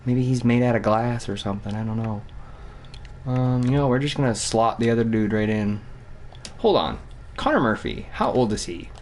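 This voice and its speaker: A man's voice: mid-range voice, moderate pace, a little hiss or hum. Rambling, cursing young male game streamer. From Vermont. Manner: rambling, cussing, thinks out loud. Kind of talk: casual gaming commentary.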